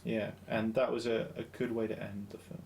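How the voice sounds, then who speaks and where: A man's voice: lowish voice, little pitch movement, a little fast, vocal fry, darkish tone, slight background noise. Jokey man from London hosting a podcast. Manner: jokey, often laughing, loose and rambling. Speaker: podcast host. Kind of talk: casual film review chat.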